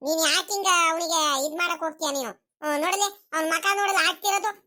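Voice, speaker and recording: A woman voicing a gentle, protective village grandmother in a cartoon comedy, coaxing and pleading. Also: very high-pitched, quick pace, voice pushed down.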